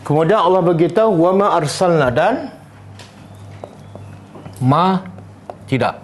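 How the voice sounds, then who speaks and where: This religious teacher, a middle-aged man with a Malaysian Malay accent, has a high voice and lively intonation, with a little hiss or hum on the recording. Teaching a Quran class, he quizzes students with brief questions and recites verses slowly.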